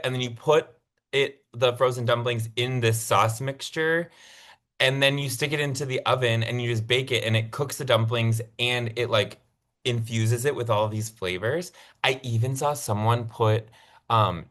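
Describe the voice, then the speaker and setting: A man co-hosting a casual podcast, chatty and excitable, with plenty of fillers. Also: mid-range voice. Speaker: podcast co-host. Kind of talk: casual chat.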